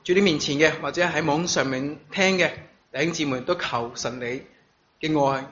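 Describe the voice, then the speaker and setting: A man preaching a sermon, reading scripture in a measured way and using halting fillers when he speaks freely, at a church service that is also streamed online. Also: a little high, a bit bright. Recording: dull lo-fi recording with congregation noise.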